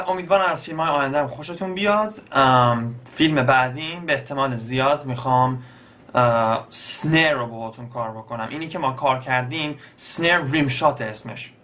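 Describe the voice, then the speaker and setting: A man's voice: on the high side, pushed and bright. Young Iranian man teaching beatbox, hesitant. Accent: Iranian Persian. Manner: explains step by step with many pauses and fillers. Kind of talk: casual spoken tutorial.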